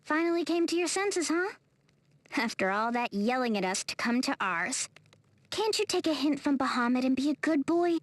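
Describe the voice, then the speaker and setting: Strong-willed young game heroine, high pitch, dry close sound, commanding, plain-spoken, caring. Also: female voice, animated, normal speed, no echo. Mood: scolding. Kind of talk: video game voice acting.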